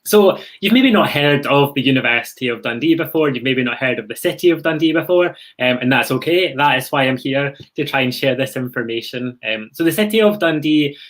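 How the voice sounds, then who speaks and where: A man's voice: mid-range voice, expressive, fairly quick, hardly any pauses, fairly bright tone. A young man from Scotland with a strong Scottish accent, giving an informal, explanatory online presentation as a university officer in a polite, reassuring way. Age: young adult. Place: indoor room on a video call.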